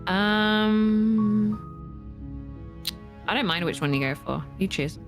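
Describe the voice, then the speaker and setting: A woman's voice: medium pitch, slow pace, faint music behind. A woman streamer chatting casually and playfully while reading game choices aloud. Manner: playful, reactive.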